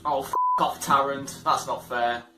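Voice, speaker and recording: A man's voice: medium pitch, little pitch movement, unhurried. A man playing a quiz game, commenting frankly and swearing, laughing at himself. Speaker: gamer. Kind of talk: casual let's-play commentary. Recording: roomy distant mic. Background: game music.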